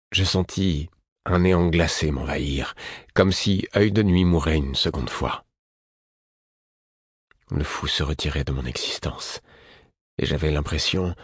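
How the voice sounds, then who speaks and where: Deep, husky male audiobook narrator. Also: no echo, studio quality.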